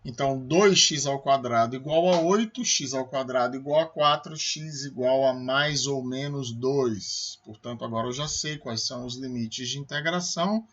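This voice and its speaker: A man's voice: medium pitch, a bit bright, lo-fi sound. A man with a Brazilian Portuguese accent, a math professor giving a recorded calculus lecture, explaining step by step and checking with his students as he goes.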